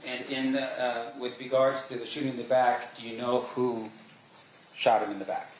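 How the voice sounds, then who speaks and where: A man doing a courtroom cross examination as an attorney, asking probing, leading questions with halting pauses. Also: medium pitch, flat delivery. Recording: roomy echo, faint background noise.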